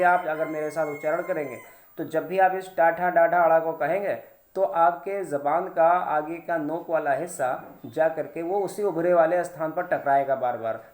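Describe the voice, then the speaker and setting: A male teacher giving a grammar lesson, saying each sound slowly and asking learners to repeat after him. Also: on the high side, darkish tone. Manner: slow, drawn-out demonstration of sounds, asks learners to repeat. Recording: echoey room.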